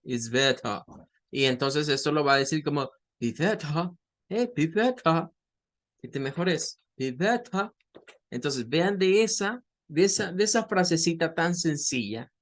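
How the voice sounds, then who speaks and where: Male teacher, higher voice, patient, repeats himself, slow drawn-out examples. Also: a bit bright. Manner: explains slowly, models English words in drawn-out demonstrations; patient, repeats words and restarts phrases often. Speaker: English teacher. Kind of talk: recorded online lesson.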